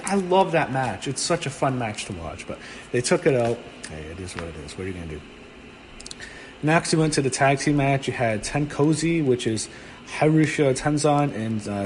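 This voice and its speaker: Man, casual wrestling reviewer, rambling, excitable, curses freely, echoey reverb, faint noise. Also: medium pitch. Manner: rambling and excitable, swears when annoyed. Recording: long room reverb with faint background noise.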